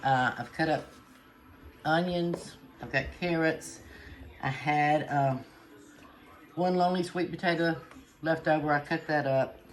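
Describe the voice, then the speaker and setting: A woman's voice: low voice, measured pace, pauses often. A middle-aged woman, chatting through a home cooking demonstration with many "uh" fillers. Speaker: home cook. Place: home kitchen. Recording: noisy home kitchen ambience.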